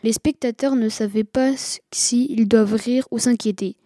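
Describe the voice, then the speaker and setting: A woman narrating a first-person storybook in a steady reading voice. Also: on the high side, normal speed, dry recording, studio quality.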